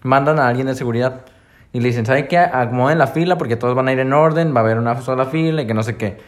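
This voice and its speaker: A man's voice: medium pitch, fast talker. A young man with a Mexican Spanish accent, a store worker telling a story in casual conversation with lots of slang. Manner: animated storyteller, acts out quotes in raised voice, slangy. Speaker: store employee.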